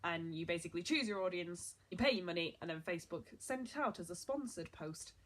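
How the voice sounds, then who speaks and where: A woman's voice: on the low side, expressive, a little fast, fairly bright tone. A young woman presenting a casual online marketing tutorial in an upbeat, chatty way, with a lot of "so" and "like".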